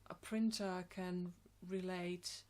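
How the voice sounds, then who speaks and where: A woman in her forties from Slovenia, with a Slovenian accent, answering interview questions about her design work with many pauses and ums. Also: fairly low pitch, level tone, darkish tone. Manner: hesitant, many ums and restarts. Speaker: graphic designer, guest.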